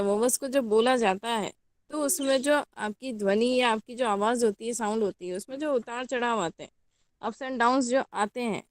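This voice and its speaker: A woman's voice: fairly high pitch, no echo. A woman with an Indian accent, a college teacher giving a classroom lecture and often asking her students questions. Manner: explains in mixed Hindi and English, asks the class questions.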